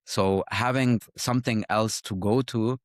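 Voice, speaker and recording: A man's voice: lowish voice, fairly even intonation, unhurried, dry recording, clean studio sound. A man in his thirties from Egypt, a startup founder giving thoughtful, conversational interview answers with frequent fillers and restarts.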